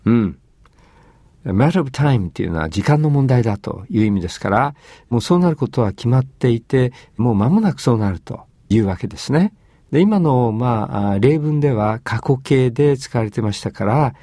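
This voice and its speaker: A man hosting an English lesson, explaining phrases in Japanese in a measured way with many fillers. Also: medium pitch, mellow, breathy edge, dry recording. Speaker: English teacher and host.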